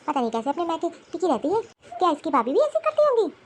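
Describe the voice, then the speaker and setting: A woman voicing a nagging, scolding old mother-in-law in an animated cartoon. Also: very high-pitched, quick pace, full character voice. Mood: grumbling.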